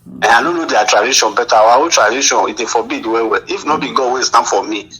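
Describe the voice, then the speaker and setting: A man's voice: mid-range voice, fast, a crowd in the background, poor audio. A man with a Nigerian accent speaking Pidgin casually as a caller. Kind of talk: casual chat.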